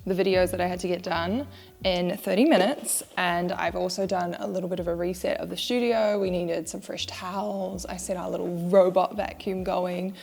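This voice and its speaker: A young woman who works as a social media manager chats candidly to camera in a casual vlog about her job, speaking into a wireless clip-on mic. Her voice is on the low side, gravelly and darkish, with a steady tone at normal speed. She comes across as chatty and self-deprecating.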